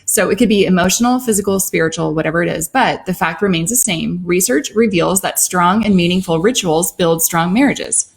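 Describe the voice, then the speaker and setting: A woman in her forties co-hosting a casual live-stream chat with her husband, chatty and quick to laugh. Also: on the low side, gravelly. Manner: chatty, laughs easily, talks through ideas. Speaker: co-host.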